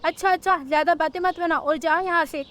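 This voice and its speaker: Woman playing a grumpy old mother-in-law bird, cartoon story, very high voice, scolding, nagging. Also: steady tone, fast. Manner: scolding, complaining, sharp-tongued.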